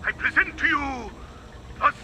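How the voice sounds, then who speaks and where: An actor voicing a pompous, scheming, short-tempered crocodilian king in a cartoon, with grandiloquent, theatrical delivery and drawn-out emphasis. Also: extremely high pitch, creaky, lo-fi sound, background noise, exaggerated voice. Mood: pompous, gloating. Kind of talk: theatrical cartoon villain acting. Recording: cartoon soundtrack with loud music behind.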